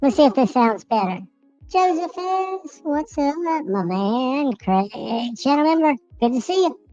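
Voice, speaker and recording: A squeaky chipmunk voice by a pitch-shifting app. It drawls slowly while greeting viewers in casual live-stream chat. The sound is dull and lo-fi, with faint music behind it. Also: male voice, expressive, darkish tone. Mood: testing. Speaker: livestream host.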